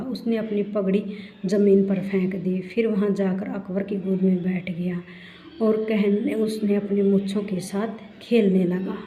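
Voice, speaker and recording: A woman narrating a children's storybook in a slow, even reading voice. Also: mid-range voice. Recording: roomy, dull lo-fi recording.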